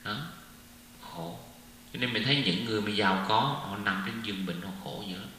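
A man's voice: fairly low pitch, normal speed, sharp tone. A man giving an informal Buddhist dharma talk, chatty, often asking his listeners "right?" and mixing in English words. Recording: echoey hall with faint hum.

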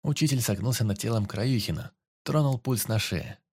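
Male narrator, lowish voice, steady measured storytelling. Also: slightly rough. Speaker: audiobook narrator. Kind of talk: scripted narration.

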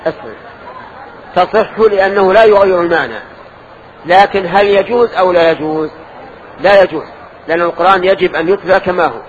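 A man's voice: high voice, fairly quick, long pauses. Older man teaching in a lo-fi mosque recording. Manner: quizzing students, correcting them, explaining. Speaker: religious teacher. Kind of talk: mosque lesson with questions to students. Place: mosque lesson circle. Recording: dull lo-fi lesson recording with faint noise.

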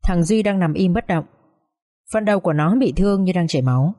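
A woman narrating a dramatic audiobook story with steady, expressive delivery. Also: lowish voice, a little fast.

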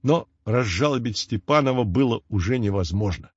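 A man narrating a fairy tale audiobook with expressive storytelling. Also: mid-range voice, moderate pace, husky, no echo. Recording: dull lo-fi dry recording.

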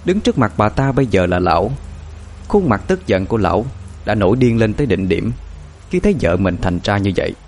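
A man narrating a horror story in a dramatic, expressive way. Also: lowish voice, fairly quick.

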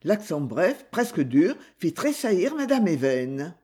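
Slow husky male audiobook narrator. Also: sits high, big pitch swings, a little mellow. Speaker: audiobook reader. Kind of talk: scripted novel narration.

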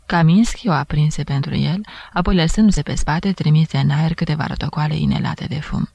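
Gravelly woman reading a novel. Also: sits low, darkish tone, no room sound. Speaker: audiobook reader. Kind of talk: scripted novel narration.

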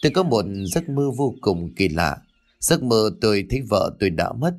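Low-voiced man narrating a ghost story. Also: sing-song, moderate pace, soft background music.

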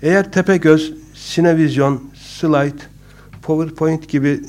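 A man's voice: fairly high pitch, steady tone, unhurried, darkish tone. A man giving a casual, instructive talk on public speaking, conversational and joking, with frequent hesitant fillers. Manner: conversational, with humorous asides and many hesitant fillers.

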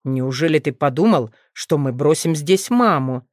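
A woman voicing a calm, gentle dragon father who talks to his young sons in a low, steady, reassuring way, read as an audiobook. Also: measured pace, dry recording, clean studio sound. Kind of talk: audiobook reading.

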